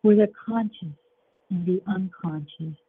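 Slow-paced woman guiding a relaxation, lo-fi. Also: mid-range voice. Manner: soothing, measured, with long pauses between short phrases. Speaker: show host and guided imagery facilitator. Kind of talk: guided relaxation meditation. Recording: dull lo-fi sound with faint background noise.

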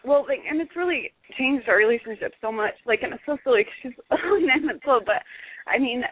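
A woman's voice: high voice, lively intonation, fairly quick, slightly rough, dry recording. Radio show caller, woman, agreeable, answering in short yeahs, dry phone-line sound. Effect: caller's voice heard over a phone line. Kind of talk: casual call-in chat.

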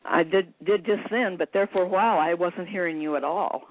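A woman's voice: fairly low pitch, a little fast, no echo. Lady caller, phone line breaking up and cutting out, tinny and dry, short puzzled answers. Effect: choppy phone line cutting out. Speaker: call-in guest. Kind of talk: phone conversation.

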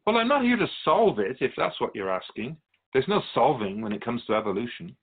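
Heard through thin, phone-like audio, a man plays a calm otherworldly being with a mid-pitched, slightly rough voice. As a guest in a radio drama interview, he explains humanity to humans in a measured, knowing, teacherly way.

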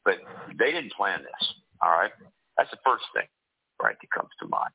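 An older man with a deep, rich bass voice thickened by a cold, talking haltingly and deliberately as an interview guest. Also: wildly swooping pitch, vocal fry, breathy edge, dry recording, narrow, tinny audio. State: congested with a cold. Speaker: guest, political activist and disclosure advocate. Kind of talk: interview talk.

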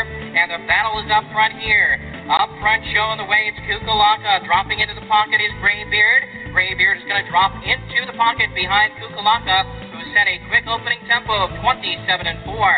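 A man's voice: high voice, phone-quality sound. A man calling a harness race, rattling off positions and building to the finish. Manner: rapid rising race call. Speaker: race caller. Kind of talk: horse race commentary.

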